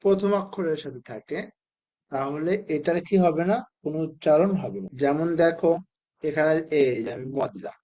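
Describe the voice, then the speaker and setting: A man teaching a spelling and pronunciation lesson to children, who asks questions and answers them himself and says each word slowly, again and again. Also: on the high side, warm tone. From Bangladesh.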